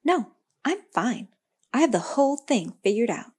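A woman's voice: on the high side, very animated, normal speed, husky, pitched above the performer's own voice. Woman doing an indignant little girl. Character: upset young girl, indignant and stubborn.

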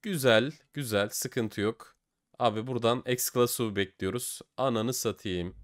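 A young man giving excitable gaming commentary as he opens online cases, swinging between cheering and despair. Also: medium pitch, a little slow. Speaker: case-opening streamer.

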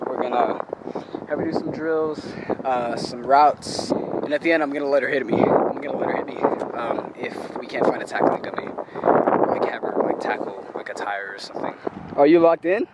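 A man's voice: mid-range voice, normal speed. A man hosting a vlog and coaching, chatting casually with laughs outdoors. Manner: laughing, giving coaching instructions. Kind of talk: casual chat. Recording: loud outdoor noise behind.

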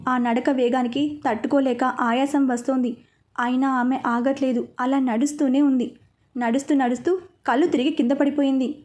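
A woman narrating an emotional family story in a steady, scripted storytelling manner. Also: high-pitched.

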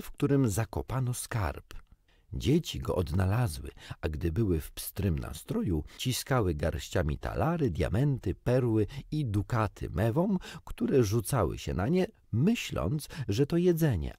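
A man reading a children's storybook aloud with gently wry, expressive storytelling. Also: fairly low pitch, unhurried, breathy edge, no echo, studio quality. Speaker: audiobook reader. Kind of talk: storybook narration.

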